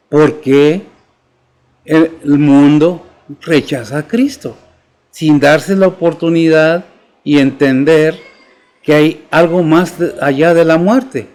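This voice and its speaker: A man's voice: fairly high pitch, darkish tone. Man preaching a sermon. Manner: preaching with questions to the congregation. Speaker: pastor.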